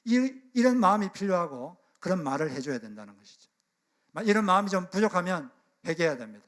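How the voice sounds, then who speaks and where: Middle-aged male pastor, slightly high voice, earnest sermon delivery that goes quiet and then swells. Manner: earnest preaching, dropping soft on key phrases and rising on exhortations.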